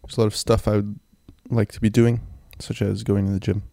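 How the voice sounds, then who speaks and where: Lying in bed indoors with a cold, this young man hosts his laid-back solo podcast, speaking close into a handheld mic with an audio recorder for a very dry sound. His voice is low, gravelly and phlegmy yet warm, level in tone and brisk, and he rambles as he goes.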